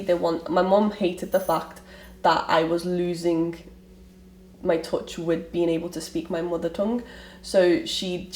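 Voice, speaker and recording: In an interview, a young Liverpool woman with a fairly low, darkish voice and a local accent recounts her family's story candidly. Her account rambles, with frequent restarts. The mic is at a distance in a roomy space, and faint ambient noise is audible.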